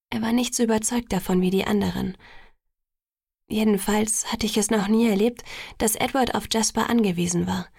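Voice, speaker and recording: A woman reads a first-person novel as an audiobook at an even, measured pace. Her voice has a gravelly creak, and the recording is very dry and close. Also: medium pitch, no echo. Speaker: audiobook narrator.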